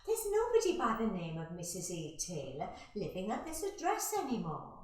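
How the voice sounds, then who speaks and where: An actress playing a man's gentle late wife who speaks softly and coaxingly. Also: medium pitch, wildly swooping pitch, normal speed. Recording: echoey and distant.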